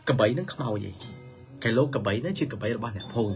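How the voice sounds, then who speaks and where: A man's voice: on the low side, racing. Man telling a children's story over music.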